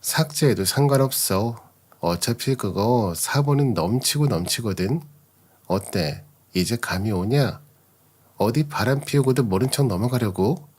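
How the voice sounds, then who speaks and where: A man's voice: mid-range voice, animated, measured pace, darkish tone, husky. A man voicing a betrayed young wife who confronts her husband with cold sarcasm. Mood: scornful.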